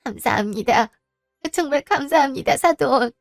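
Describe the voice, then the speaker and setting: A woman voicing an older mother-in-law who apologizes humbly and gently for her son. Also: high-pitched, normal speed, creaky, no echo, studio quality, soft background music, pitched above the performer's own voice. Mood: apologetic. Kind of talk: storybook voice acting.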